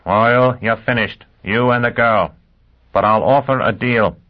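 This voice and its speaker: A man's voice: mid-range voice, measured pace, dull audio, voice pushed up, lightly acted. A man voicing a controlled, menacing commander calling over the radio. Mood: commanding.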